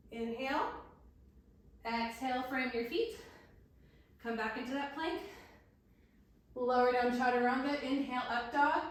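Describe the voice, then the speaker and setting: A woman teaching yoga as she moves through it, giving short cues timed to her breath and a little out of breath. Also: high-pitched. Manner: short breath-paced cues, laughs at herself. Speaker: yoga instructor. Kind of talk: cueing a yoga flow while doing it. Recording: very echoey room.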